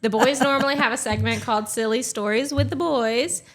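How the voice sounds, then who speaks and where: A woman's voice: fairly high pitch, brisk, a bit bright. A woman co-hosting a podcast who leads a segment and tells stories in a playful, teasing way. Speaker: podcast co-host leading a segment. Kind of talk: casual chat.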